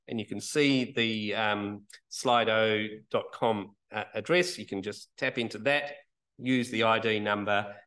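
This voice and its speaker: A man's voice: mid-range voice, fairly bright tone, rough recording. A man giving opening remarks at a public panel event, talking informally with many fillers. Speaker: event organiser.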